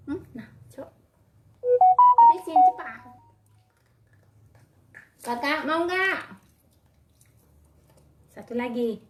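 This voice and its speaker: A woman at home talking in a doting, coaxing baby-talk to her pets as she gives them medicine. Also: a little high. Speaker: pet owner. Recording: echoey room.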